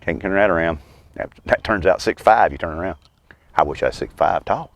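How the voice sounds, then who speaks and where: A man in his mid fifties with a Southern US accent, chatting in a folksy, unhurried, wryly humorous way around a pipe as he hosts a rambling outdoor vlog. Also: low-pitched, creaky. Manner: talks while puffing on a pipe. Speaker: host of a homestead and birdwatching channel. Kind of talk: rambling casual vlog chat.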